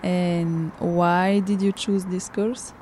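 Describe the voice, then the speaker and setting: A woman learning English, with a Bulgarian accent, speaks haltingly in a practice conversation. Her voice is fairly low and she takes her time between simple phrases. There is faint background noise. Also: flat delivery, darkish tone. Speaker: English course student. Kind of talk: practice dialogue in a language class.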